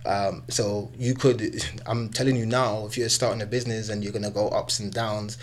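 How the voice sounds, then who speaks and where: A man's voice: fairly low pitch, flat delivery, moderate pace, a little hiss or hum. A man with an urban London street accent, answering casually as a podcast guest, emphatic and often checking he is understood. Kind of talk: casual conversational interview answers.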